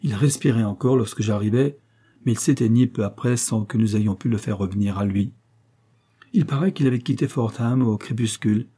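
A man voicing a desperate young gentleman who feels hunted by fate, telling his story anxiously. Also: fairly low pitch, fairly quick, slightly rough.

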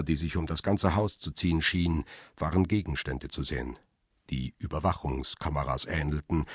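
A world-weary, middle-aged male photographer narrates a radio crime thriller in the first person, his sober, laconic delivery carried by a very deep, rough-edged, darkish voice. It is recorded close and dry, with clean studio sound and no room sound.

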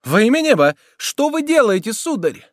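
A man reading as a young noble lady in an audiobook, pitched far above his own voice. She pleads in alarm, her high voice rising and falling a lot. The recording is dry and close. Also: sing-song, fairly quick, a little mellow, no echo.

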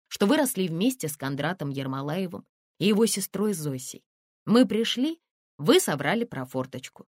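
Woman doing a young woman screenwriter, indignant, sharp, exclaiming, lively pitch, dry close audio. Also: no echo. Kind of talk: audiobook character reading.

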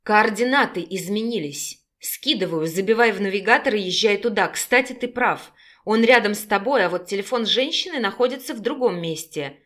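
A woman voicing a businesslike male operative in an audiobook, reporting in a brisk, matter-of-fact way. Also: mid-range voice, expressive, a bit bright, natural voice. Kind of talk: audiobook character voice.

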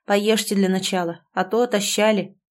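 A woman voicing a bossy middle-aged man of the house in a storybook. He barks orders briskly, with a commanding tone. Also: mid-range voice, steady tone, natural voice.

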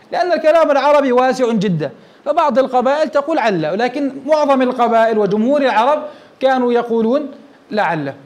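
Sheikh guy with a really high voice going fast through a grammar lesson, asks questions then answers them himself. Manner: explains step by step, asking the class questions and answering them himself. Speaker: Islamic scholar teaching Arabic grammar.

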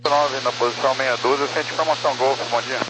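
A man's voice: medium pitch, fairly even intonation, fast talker. A man speaking as a pilot, making brief calls over an aircraft radio. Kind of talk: brief radio calls to air traffic control. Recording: noisy aircraft radio with hum.

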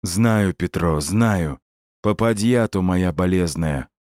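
A man's voice: low voice, slow, a little mellow, no echo, studio quality. A man voicing an anxious village priest who pleads in a tearful, raised voice. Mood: pleading.

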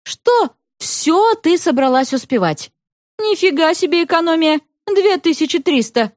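A woman reading a story aloud and voicing an exasperated, frugal mother who complains loudly about a price. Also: very high-pitched, lively intonation, unhurried, no room sound, studio quality, pitched above the performer's own voice. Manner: exclaiming, exasperated. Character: exasperated, frugal mother counting every ruble.

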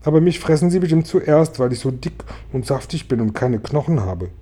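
A man's voice: fairly high pitch, animated, brisk, mellow. A man doing a whiny, fearful earthworm. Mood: whining. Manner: anxious, whining. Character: timid, fretful male earthworm.

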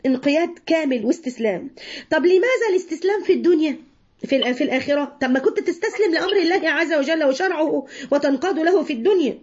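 A woman's voice: high-pitched, a little mellow. A woman with an Egyptian Arabic accent teaching a religious lesson, explaining points and asking her listeners rhetorical questions. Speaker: Quran teacher. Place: room with women listeners. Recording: dull lo-fi lesson recording.

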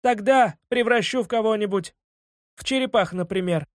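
Cackly old villain wizard, a guy doing the voice, loud and high, hams it up, dry close sound. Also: normal speed, dry recording, lightly acted. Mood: threatening. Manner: cackling, theatrical, loud and mocking. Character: gleeful trickster sorcerer Koshchei, old male villain. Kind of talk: audiobook character voice.

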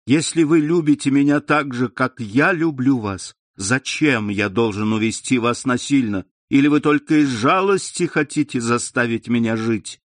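A man's voice: mid-range voice, dry recording, lightly acted. Man reading an earnest young guy in love, heartfelt, dry close voice.

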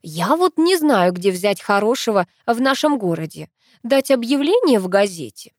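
A woman's voice: medium pitch, sing-song, dry recording, studio quality, lightly acted. A woman voicing a strict, proud grandmother in an audiobook. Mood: stern. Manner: stern, measured.

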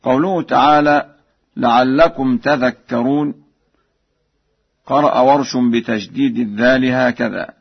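A man explaining recitation variants in measured speech, then chanting the examples slowly and melodically, from an archival radio broadcast. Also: mid-range voice, steady tone, vocal fry, slightly rough, muffled recording. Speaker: Quran recitation teacher.

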